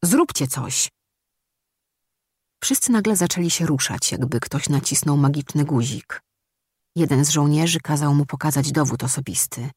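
An audiobook narrator reading a story in a steady, measured way. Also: mid-range voice, slightly rough, no echo, studio quality. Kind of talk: scripted narration.

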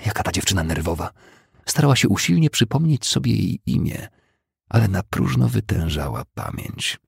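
Brief: male narrator, deep and raspy, measured storytelling, dead-dry studio sound. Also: very animated, a little mellow, no room sound. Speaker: audiobook reader. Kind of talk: scripted novel narration.

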